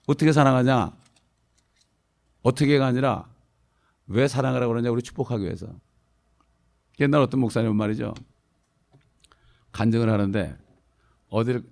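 A middle-aged man preaching a sermon, conversational, dropping constant questioning prompts to the congregation and swinging between emphatic raised lines and quiet low asides. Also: vocal fry. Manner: tells anecdotes casually, with informal speech mixed in. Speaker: pastor.

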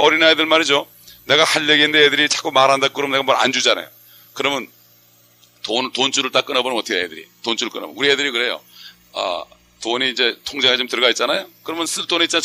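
A man's voice: a little high, bright, forceful tone. A man preaching a sermon in a conversational style, often asking his listeners rhetorical questions. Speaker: pastor.

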